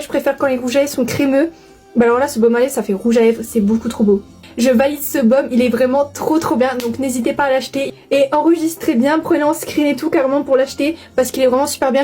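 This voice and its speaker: A woman's voice: sits high, mellow, husky. A young woman chatting casually as she opens an advent calendar, chatty and gushing with many fillers. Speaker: beauty vlogger. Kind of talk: casual unboxing chat.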